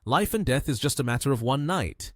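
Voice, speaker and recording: A man voicing a calm, cocky rich young man who speaks softly and with self-assurance. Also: medium pitch, brisk, no echo, studio quality, pitched above the performer's own voice. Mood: self-assured.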